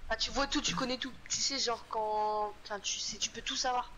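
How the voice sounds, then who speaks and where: A woman's voice: a little high, steady tone, normal speed, a bit bright, slight background noise, low-quality recording. A woman in a casual gaming chat, talkative and joking.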